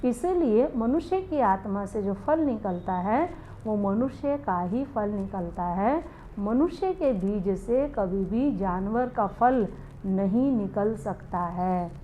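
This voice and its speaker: A woman's voice: mid-range voice, animated, takes it slowly, phone-quality sound, a little hiss or hum. A woman giving a spiritual meditation lesson, explaining patiently and asking rhetorical questions to her listeners. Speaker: meditation teacher.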